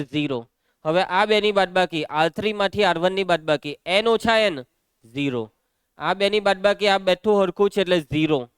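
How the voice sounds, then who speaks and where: Brisk high-voiced maths teacher. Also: male voice, smooth, no echo. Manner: brisk, talks students through each step. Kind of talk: blackboard maths lesson.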